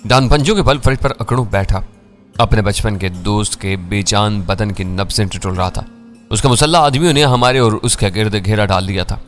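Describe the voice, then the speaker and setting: A man reading a first-person thriller story in a measured, dramatic way. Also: lowish voice, soft background music.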